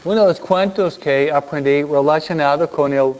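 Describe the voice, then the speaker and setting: A man's voice: on the high side, normal speed. A man giving a Sunday school lesson, telling stories and quizzing the kids. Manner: animated storytelling with questions to the kids. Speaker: children's teacher. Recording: dull lo-fi recording.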